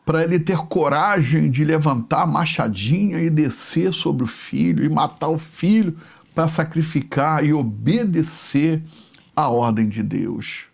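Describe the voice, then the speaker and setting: Male bishop, storytelling sermon, high lively voice, unhurried. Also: vocal fry. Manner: emotional, slow, dwelling on each phrase.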